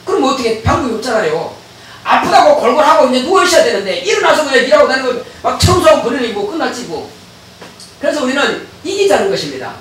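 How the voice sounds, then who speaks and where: A male pastor giving an animated sermon in a church. He laughs, acts out dialogues and bursts into shouts. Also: very high-pitched, fast talker. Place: church sanctuary. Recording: very echoey church hall, distant mic, faint noise.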